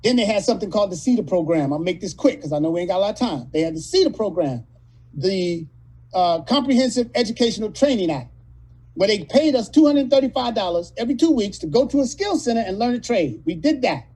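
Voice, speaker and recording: A man in his late fifties from California, telling rough, profane stories as a guest in a casual interview. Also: high-pitched, animated, quick pace, darkish tone, poor audio. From California, USA. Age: 50s. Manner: profane, rambling, street-talking storyteller. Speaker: actor guest.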